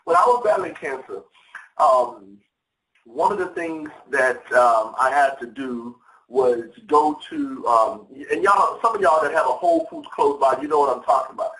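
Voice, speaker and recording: A man giving an excited motivational talk on a phone call from his home office, repeating words as he goes. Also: on the high side, moderate pace. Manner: excited, repeats words often, says "y'all". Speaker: guest speaker on a sales call. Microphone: phone or conference line. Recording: echoey, far from the mic.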